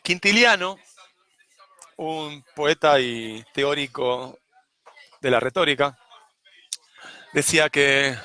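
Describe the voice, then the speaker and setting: A man teaching poetics, explaining in a measured way and tapping out rhythms with spoken syllables. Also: a little high, bright, forceful tone, no echo. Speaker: poetry teacher.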